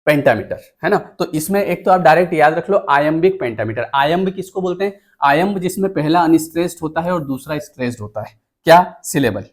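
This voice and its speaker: A man's voice: fairly high pitch, expressive, fairly quick. A male teacher giving an exam-prep lecture on poetry meter, explaining step by step and often checking in with the class. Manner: counts items aloud while pointing at the screen.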